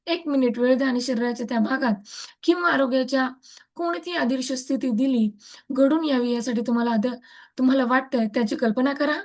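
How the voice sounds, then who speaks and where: A woman with a Marathi accent leading a gratitude practice over a video call, earnest and repeating her thanks in chant-like runs. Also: high-pitched. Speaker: gratitude practice group leader. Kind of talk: guided reading and affirmations. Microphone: laptop mic on a video call.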